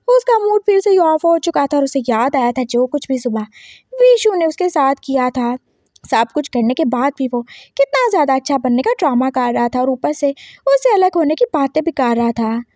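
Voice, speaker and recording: Woman storyteller, dramatic, animated, high voice, dry close sound. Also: moderate pace, no room sound. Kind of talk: expressive story narration.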